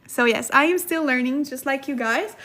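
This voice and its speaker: A woman with a high, pushed, bright voice talks at a normal speed while hosting a casual language study livestream. She giggles as she chats with viewers, reads their comments, and repeats herself for emphasis during the lesson.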